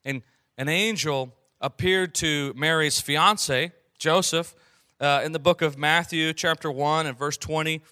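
Earnest man preaching with a bright voice. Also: fairly high pitch, no room sound, clean studio sound. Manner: earnest, slows down and softens on key phrases; frequent throat clearing and fillers. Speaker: pastor. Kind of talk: sermon with personal storytelling.

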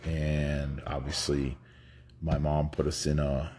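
This guest, a man in his fifties from New York, United States, rambles casually through his life story, laughing frequently and full of fillers and restarts. He speaks slowly in a rumbling low, dark voice with little pitch movement.

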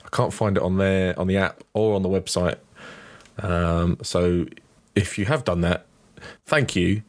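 Low-voiced male podcast co-host. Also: measured pace, no room sound. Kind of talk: casual podcast chat.

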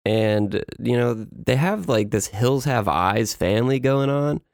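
A man's voice: medium pitch, animated, measured pace, vocal fry, a little mellow, no room sound, clean studio sound. A man co-hosting a podcast, chatting casually and joking, full of "like" and "you know.". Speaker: podcast co-host. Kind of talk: casual chat.

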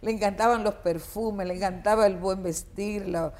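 A woman's voice: medium pitch, steady tone, moderate pace, darkish tone. An older woman with a Dominican accent, speaking as a guest singer in an interview. She reminisces with a middle-range voice, stumbling over fillers and restarts and often breaking into laughs.

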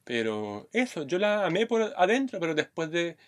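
A man's voice: on the high side, normal speed. A man with a Chilean accent, a podcast co-host telling a crude, rambling comic story. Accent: Chilean Spanish. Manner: vulgar, rambling, animated storytelling.

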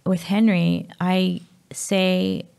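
A woman speaks as an interview guest, candid and unguarded. Her voice is deep for a woman and full of gravelly fry. She pauses and restarts often as she talks. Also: little pitch movement, darkish tone. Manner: open and frank, with frequent fillers and restarts. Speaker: guest, mother of a sick child.

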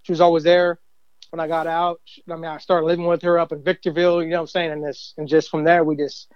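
Middle-aged church volunteer, casual rambling testimony, slightly high voice, dry. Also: male voice, flat delivery, fast, smooth, dry recording, highs cut off. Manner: rambling, many fillers and "you know what I mean". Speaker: guest, church usher and youth minister.

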